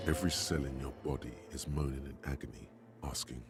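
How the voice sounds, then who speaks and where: A man narrating a video game in a somber, measured way, with a husky voice. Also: very deep voice, fairly even intonation, over loud music.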